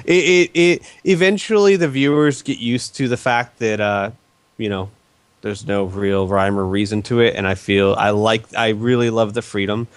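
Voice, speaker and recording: A man's voice: on the low side, fairly even intonation, normal speed, no room sound. A man in casual chat on a podcast, talking with fillers and restarts. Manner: hesitant, many fillers and restarts. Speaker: podcast guest.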